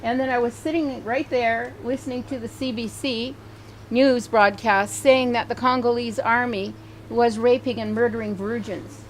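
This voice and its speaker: An older woman reverend opens a memorial service outdoors, talking in an informal, conversational way with occasional fillers. Her voice sits fairly high, with faint hiss and open-air ambience behind it. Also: steady tone, normal speed, rough recording. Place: outdoor garden at her home.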